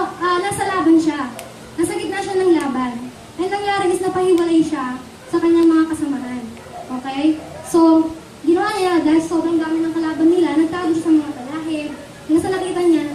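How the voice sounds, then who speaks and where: A woman's voice: high voice, warm tone, slight background noise. A woman with a Filipino accent preaching a sermon in Taglish, often asking the congregation for an amen. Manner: Taglish, asks the congregation for amens. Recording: echoey church hall from far off.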